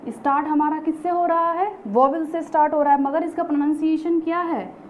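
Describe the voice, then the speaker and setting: High-voiced woman teaching, tinny sound. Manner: explains patiently, asks the class rhetorical questions. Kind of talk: online grammar lesson. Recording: tinny phone-like recording, faint hiss.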